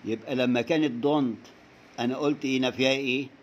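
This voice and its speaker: A man with an Egyptian Arabic accent teaching English to young pupils, repeating words slowly for them to copy. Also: mid-range voice, fairly even intonation, muffled recording, slight background noise. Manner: slow drilling repetition, stretching words. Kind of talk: recorded classroom lesson for young pupils.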